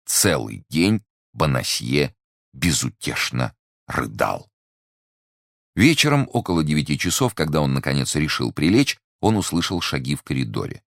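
Very deep-voiced male audiobook narrator. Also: sing-song, moderate pace, vocal fry, fairly bright tone, no room sound, studio quality.

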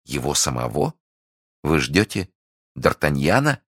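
A man voicing a scheming, manipulative French noblewoman who fakes warmth, talking in a feverish, insistent way. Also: a bass voice, very animated, a little slow, breathy edge, dry recording, clean studio sound, full character voice. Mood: gushing.

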